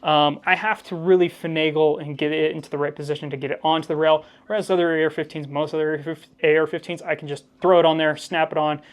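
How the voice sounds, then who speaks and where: A man reviewing a product casually for viewers, explaining its drawbacks in a critical but measured, conversational way. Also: a little high, level tone, clear, resonant tone. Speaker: firearm reviewer, host.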